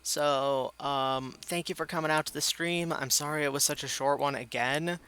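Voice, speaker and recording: A man's voice: a little high, steady tone, normal speed, bright, forceful tone, clean tone. A tired man chatting casually with his viewers during a live game stream, rambling and poking fun at himself. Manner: chatty, rambling, self-mocking, talks to chat.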